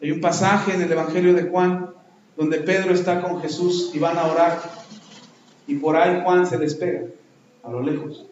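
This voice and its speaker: A man, preaching a sermon in a church with animated, dramatic delivery and acted-out voices. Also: on the high side, moderate pace, muffled recording, slight background noise. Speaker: pastor. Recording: echoey church hall.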